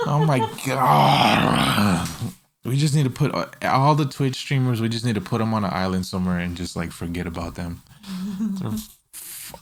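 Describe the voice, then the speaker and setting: A man's voice: lowish voice, fast talker, few pauses. A young man co-hosting a casual reaction podcast, ranting bluntly and with lots of swearing. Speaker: podcast co-host.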